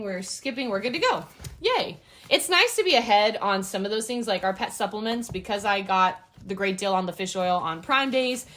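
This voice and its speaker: A woman's voice: mid-range voice, fairly bright tone. A woman chatting casually to viewers while counting cash into budget envelopes, upbeat and talkative. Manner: bubbly, upbeat, addresses viewers as y'all. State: has the hiccups. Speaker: budgeting vlogger.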